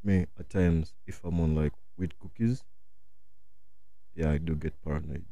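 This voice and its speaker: A young man with a deep, mellow voice chats casually as a guest. He is slow and hesitant, leaning on street slang, and the sound is dry and close. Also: fairly even intonation, no room sound. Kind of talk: casual chat.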